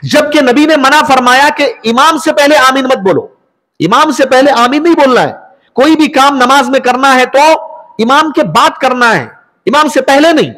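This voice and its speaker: Guy with a fairly high voice giving an islamic lesson, asks questions then answers em, long echo. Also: animated, moderate pace, bright, forceful tone. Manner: explanatory, asks the audience questions and answers them. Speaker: Islamic teacher. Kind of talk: religious lesson.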